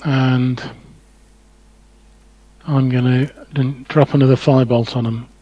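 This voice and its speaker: A man's voice: mid-range voice, level tone, slow pace, dark tone, no room sound, dull audio. A man playing a tabletop game, thinking aloud about his next move. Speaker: player. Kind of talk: casual tabletop game chat.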